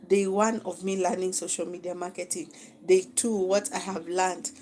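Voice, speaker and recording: A woman's voice: on the low side, little pitch movement, moderate pace, a little mellow, slight background noise, low-quality recording. Kenyan woman coaching a live class. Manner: coaching, repeats phrases, frequent "okay?" check-ins. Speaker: social media marketing instructor. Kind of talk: live-streamed masterclass.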